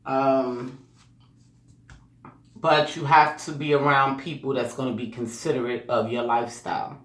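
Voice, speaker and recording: A man's voice: medium pitch, steady tone, measured pace, fairly bright tone. A man giving casual motivational talk, rambling with lots of "you know" and "um" and chuckling between points. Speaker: speaker sharing life advice. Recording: roomy echo, distant mic.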